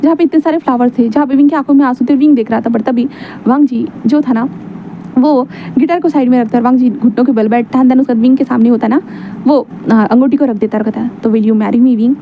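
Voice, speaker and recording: A woman's voice: high voice, steady tone, fast, muffled recording, a little hiss or hum. A woman casually retelling a fan fiction story in a chatty way, with many fillers.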